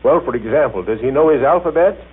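A man with a middling pitch and a slightly husky edge, presenting and questioning in a formal, polite manner. The sound is thin and phone-like, as on a 1939 radio broadcast recording. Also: expressive, quick pace. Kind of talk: scripted 1930s radio presentation.

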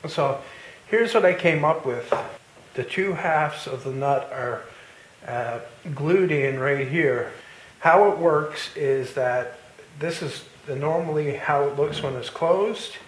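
A man hosting a woodworking channel casually narrates his build from his indoor home shop. His voice is on the high side and slow, his manner relaxed and explanatory with plenty of fillers and restarts, and the workshop sounds roomy with faint noise.

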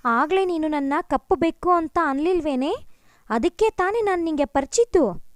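A woman's voice: high-pitched, animated, moderate pace, dry recording. A woman doing a hurt, fiery young girl. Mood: indignant.

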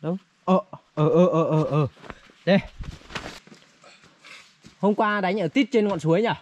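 High-pitched man vlogging casually outdoors. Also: unhurried, darkish tone. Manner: chatty, hesitant, repeats words. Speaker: vlogger, host. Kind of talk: casual outdoor vlog chat while walking. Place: outdoors in forest. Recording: outdoor recording with faint noise.

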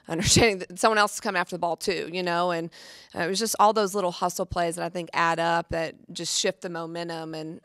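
Low steady woman coach at a presser mic, lots of um and you know, dry sound. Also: no echo. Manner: earnest, many restarts and fillers. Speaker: head basketball coach. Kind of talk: post-game press conference answers. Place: press conference room. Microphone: table mic on stand.

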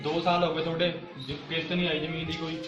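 Man as pushy loan agent, fast high voice, echoey far-off. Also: flat delivery, dull audio, music in the background, natural voice. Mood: scornful. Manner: demanding, scornful. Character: stern bank loan agent, scornful and pushy. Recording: distant echoey room.

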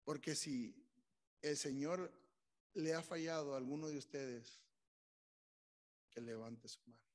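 A man's voice: fairly high pitch, steady tone, measured pace. A man preaching as pastor, giving an emotional altar call and voicing the prayers of his listeners. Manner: pleading, emotional, voices the congregation's prayers. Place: church sanctuary.

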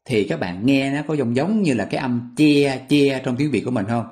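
Male teacher, mid-pitched, patient and repetitive, walks learners through each word. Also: moderate pace, a little mellow. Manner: patient, repetitive, asks listeners questions. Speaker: English vocabulary teacher. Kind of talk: explaining memory tricks step by step.

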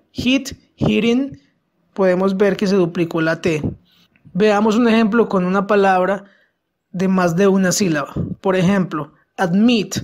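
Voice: mid-range voice, darkish tone. Methodical Spanish-speaking English teacher. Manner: slows down to pronounce English examples carefully; methodical, step-by-step explaining. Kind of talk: online grammar lesson in Spanish.

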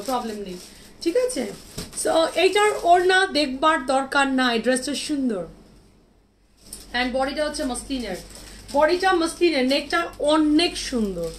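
Her voice is high, and a faint hiss or hum runs underneath. She's a Bangladeshi boutique seller doing a live sales stream, casually showing off dresses, reading viewer comments aloud and responding, often dropping in English words.

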